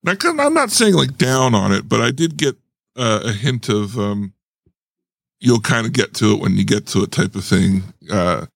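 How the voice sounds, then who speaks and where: A man's voice: lowish voice, very animated, normal speed, creaky, dry recording. A man hosting a podcast in casual chat, easygoing and leading the talk. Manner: easygoing, laughing, leads the talk. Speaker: podcast host.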